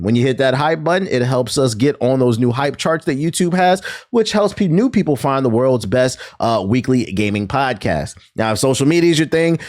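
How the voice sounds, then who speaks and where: A man hosting a podcast in a casual, profanity-sprinkled conversational way. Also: medium pitch. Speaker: podcast host.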